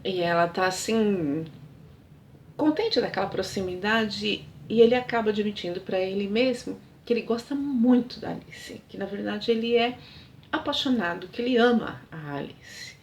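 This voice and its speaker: A woman's voice: medium pitch, moderate pace, slight background noise. A woman casually retelling a story's plot in a chatty way, full of fillers.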